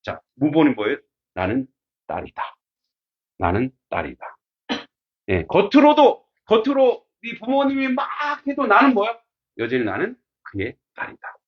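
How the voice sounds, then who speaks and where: A male pastor teaching a classics class in a casual, animated way, asking his students many rhetorical questions. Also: high voice, moderate pace, husky, muffled recording.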